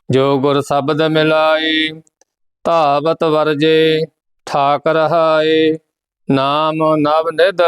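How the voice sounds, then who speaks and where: A man, teaching scripture by reciting each phrase slowly and evenly, then pausing to explain how it is pronounced. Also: a little high, clear, resonant tone. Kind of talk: slow line-by-line scripture recitation lesson.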